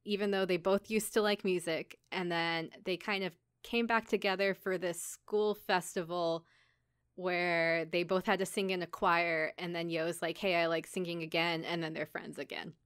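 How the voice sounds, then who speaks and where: Here the woman's voice sits lowish, clean and fairly bright, with fairly even intonation at normal speed; the studio recording has no room sound. Casually recapping for her podcast, she informally performs characters' lines as she goes, with a wry edge.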